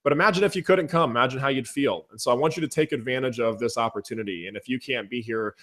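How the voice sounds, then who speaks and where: Guy hosting a webinar, voice going hoarse, pumped up, talking to viewers on a video call. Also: fast talker. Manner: energetic, enthusiastic pitch to viewers. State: losing his voice. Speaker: webinar host. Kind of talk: casual webinar chat.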